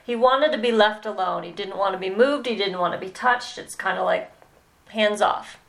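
A woman mentoring a student in animal communication, talking slowly and hesitantly with many pauses and "okay"s. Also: mid-range voice, gravelly, fairly bright tone, poor audio. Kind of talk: mentoring session.

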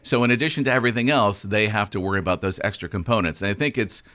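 A man with a very low voice speaks as a ballroom dance instructor and radio guest. His delivery is smooth and practiced, like someone used to voicing commercials, with dry jokes along the way. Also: very fast, bright, forceful tone. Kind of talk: radio interview. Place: radio studio.

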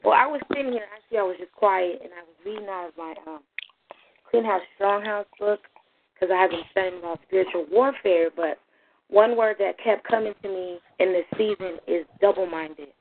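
A young woman calling in to a prayer line on speakerphone, her voice breaking up as she talks in an earnest, halting way with many ums. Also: medium pitch, slight background noise. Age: young adult. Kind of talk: spoken testimony. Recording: tinny phone line, dry.

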